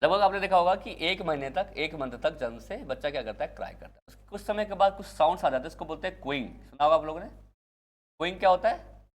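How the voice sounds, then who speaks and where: A man's voice: fairly high pitch, animated, quick pace. A man from India teaching an exam-prep class. He keeps asking the students questions, answers them himself, and mixes English terms into his Hindi.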